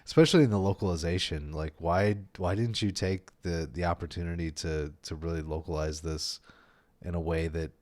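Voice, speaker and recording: A man's voice: low-pitched, fairly even intonation, a little fast, darkish tone. A man in casual podcast chat, talking in an earnest, puzzled way.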